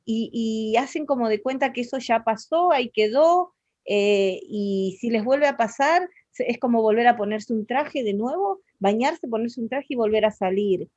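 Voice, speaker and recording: A woman's voice: a little high, moderate pace, darkish tone, no echo, muffled recording. An Argentine woman with an Argentine Spanish accent, talking expressively in a casual interview, with many fillers and restarts.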